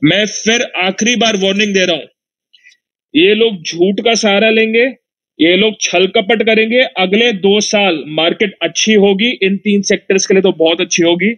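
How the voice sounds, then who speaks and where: A man's voice: high-pitched, fairly even intonation, normal speed, fairly bright tone, highs cut off. A man from Nepal delivering a heated, mock-serious rant in an online audio chat room, warning and taunting his rivals in a preachy tone. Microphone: own device in an online audio room.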